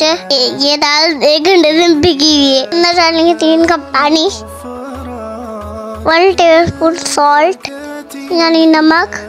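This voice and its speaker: Over background music, a female cooking host who sounds young walks through a recipe step by step in voice-over. Her voice is very high and a bit bright.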